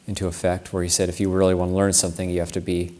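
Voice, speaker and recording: A male monk delivers a Dharma talk built around a personal anecdote in a very low voice with almost no rise or fall. The delivery is completely flat and a little mellow. Reflective and unhurried, he circles back and restarts sentences while recalling his own practice.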